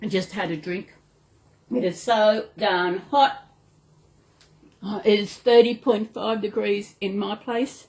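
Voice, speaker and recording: This Australian woman, who runs a storytime video channel about her doll collection, chats at home in a rambling, affectionate way to both her audience and her dolls and toys, treating them as alive. She speaks at a fairly high pitch with a darkish tone.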